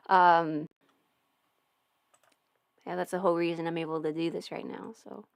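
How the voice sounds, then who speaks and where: Slow and low, with little pitch movement and some vocal fry, this woman's voice is clear and resonant. She's an audio performer streaming live from home by herself, rambling and muttering as she adjusts settings. Her studio mic and audio interface deliver a clean sound with no room noise.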